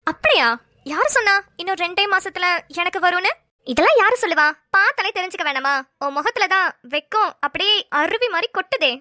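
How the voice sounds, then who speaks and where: A playful young woman in a cartoon teases her friend in rapid banter, voiced by a woman. The voice is very high, bright and sharp. It is recorded dry and close. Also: expressive, dry recording, exaggerated voice. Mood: teasing. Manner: teasing, fast banter. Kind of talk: cartoon voice acting.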